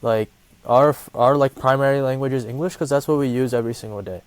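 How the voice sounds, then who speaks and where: A man's voice: medium pitch, fast talker, dry recording. A man in his twenties from Ohio with an American accent, earnestly explaining things in a casual chat and often restarting his sentences. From Columbus, Ohio, USA. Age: 20s. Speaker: co-host.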